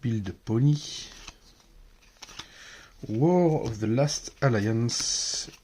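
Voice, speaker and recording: A man's voice: medium pitch, very slow, mellow, slight background noise. A man with a French accent casually commenting while opening card packs, mumbling card names aloud as he goes. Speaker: card collector opening boosters.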